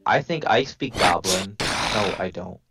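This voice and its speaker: A man with a fairly low voice plays in a casual tabletop game. He talks in a joking, goofy way. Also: lively intonation, a little slow, over loud music. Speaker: player.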